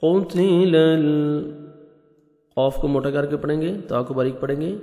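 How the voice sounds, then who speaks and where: A man with a Pakistani Urdu accent teaching Quran recitation, who explains each rule slowly and patiently and slips English words into his explanation. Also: medium pitch, steady tone, vocal fry, mellow, long reverb tail, soft background music. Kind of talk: tajweed lesson, explaining rules between recited verses.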